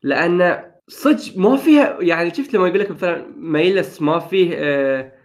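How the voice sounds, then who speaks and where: A man's voice: high-pitched, expressive, a little fast. A young man in casual gaming chat, upbeat and enthusiastic, slipping English phrases into his talk. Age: young adult.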